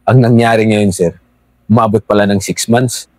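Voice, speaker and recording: A man's voice: fairly low pitch, fairly even intonation, moderate pace, no echo. A middle-aged man, an interview guest and former rebel fighter, telling his story conversationally and politely calling the host sir. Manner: deferential, calls the host sir often.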